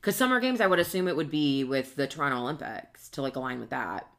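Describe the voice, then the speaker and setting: A woman's voice: very deep voice, animated, fast talker. A woman co-hosting a podcast in casual chat, opinionated and swearing freely. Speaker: podcast co-host.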